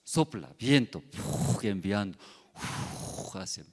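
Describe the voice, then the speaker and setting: Slow-talking pastor in an echoing church. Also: male voice, lowish voice, lively intonation. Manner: halting Spanish, tagging phrases with questions to the listeners. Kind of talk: sermon told as a fable. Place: church hall. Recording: long reverb of a church hall.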